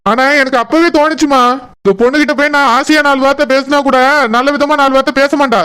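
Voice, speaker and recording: A fussy, offended young groom in a cartoon, voiced by a man. His voice sits very high and he talks fast. His complaints rattle out in quick bursts. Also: steady tone, sharp tone.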